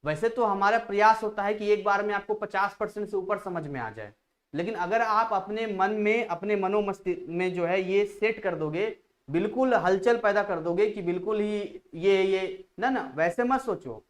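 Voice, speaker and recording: A man's voice: high-pitched, moderate pace. A man teaching a live online physics class, chatty and repetitive, drifting off into side stories before returning to the lesson. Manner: chatty, digresses, repeats phrases to drill a point.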